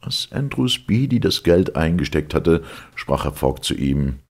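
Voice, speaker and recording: A male audiobook reader narrating a novel with dramatic expression. His voice is extremely deep and gravelly, with a husky edge, and the pitch moves lively. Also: unhurried.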